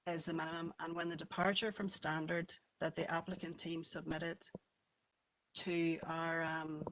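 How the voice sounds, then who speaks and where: A woman speaks as a planning officer before a committee. She talks in a level, steady tone with little rise and fall, and she corrects herself often as she explains. She is heard over a remote meeting call. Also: deep voice, rough recording. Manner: halting, self-correcting, careful.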